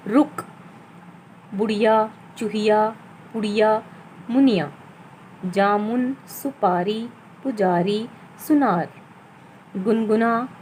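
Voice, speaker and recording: Slow, patient woman teaching reading. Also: on the high side, a little mellow, slight background noise, low-quality recording. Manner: slow, patient, spelling words out sound by sound. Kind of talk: children's Hindi reading lesson.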